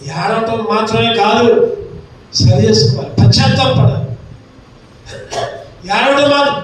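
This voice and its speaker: A man's voice: very high-pitched, a bit bright, a little hiss or hum. A man preaching a sermon in a church hall, asking rhetorical questions and repeating his phrases. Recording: echoey hall from far off.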